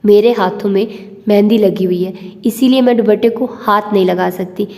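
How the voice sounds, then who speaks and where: A woman voicing a tart, affectionate young wife who is sharp-tongued yet soft. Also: mid-range voice, fairly even intonation, normal speed, natural voice. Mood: exasperated. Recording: long reverb.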